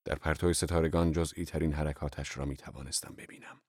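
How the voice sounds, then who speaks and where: A narrator with a very deep voice reads a novel aloud for an audiobook, telling the story plainly at a measured, even pace. The recording is dry and close, with no room sound or echo at all.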